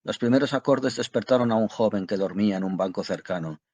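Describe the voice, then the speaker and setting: Low husky male audiobook narrator. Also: brisk, a little mellow, lo-fi sound. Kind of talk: scripted narration.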